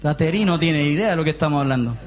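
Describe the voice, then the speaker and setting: A man with a Chilean accent preaching a lively sermon in a church hall, emphatic and often raising his voice, with joking asides. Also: fairly high pitch, fast talker. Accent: Chilean Spanish. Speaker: pastor.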